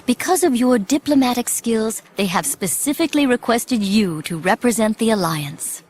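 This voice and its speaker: An actress playing a decisive young princess and rebel leader, earnest and assertive, in an audio drama. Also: female voice, a little high, expressive, normal speed, a little mellow, breathy edge. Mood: earnest, businesslike.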